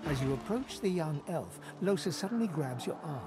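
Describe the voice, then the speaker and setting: Guy doing game narrator voice, storyteller vibe, pitch moves a lot, game music under it. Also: expressive, normal speed, natural voice. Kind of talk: scripted narration.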